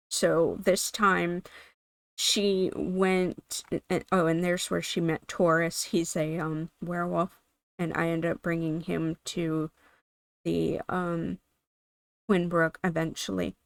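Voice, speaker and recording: Host, female, hoarse and under the weather, gravelly low register, rambling game voice-over, dry close sound. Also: little pitch movement, slow, no echo. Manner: meandering, self-correcting, chatty. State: losing her voice, sick. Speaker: gaming channel host. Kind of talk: casual gameplay voice-over commentary.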